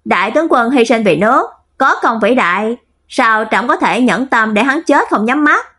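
A woman's voice: fairly high pitch, expressive, moderate pace, fairly bright tone, breathy edge. A woman voicing a young male emperor who speaks in solemn, formal court language.

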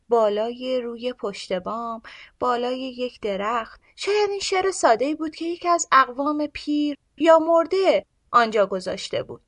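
Lively high-voiced woman storyteller. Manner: expressive, lively reading. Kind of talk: bedtime story narration.

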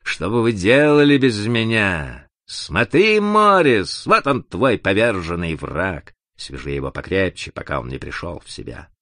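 A man's voice: sing-song, unhurried, hardly any pauses, fairly bright tone, dry recording, studio quality, exaggerated voice. A man voicing a cruel, scheming female villain who hisses her words in an audiobook reading. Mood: sneering. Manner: hissing, shrill.

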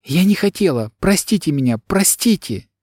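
A man's voice: sits high, sing-song, moderate pace, a little mellow, no room sound, clean studio sound, pitched above the performer's own voice. A man voicing a frightened young servant woman who pleads. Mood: pleading. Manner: pleading, trembling.

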